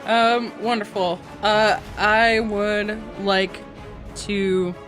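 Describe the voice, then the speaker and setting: A woman's voice: mid-range voice, fairly even intonation, very slow, over music. Playful woman at a tabletop game. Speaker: player.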